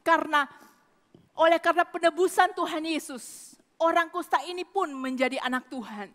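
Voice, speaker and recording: A woman's voice: very high-pitched, normal speed, fairly bright tone. A woman preacher giving an emphatic sermon to a congregation, repeating her phrases. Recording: long hall reverb.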